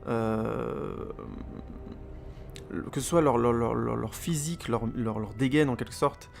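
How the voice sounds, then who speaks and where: A man's voice: mid-range voice, a little slow, gravelly, darkish tone, slight background noise. A man giving a casual spoken film review as a podcaster, rambling with many fillers and repeated words.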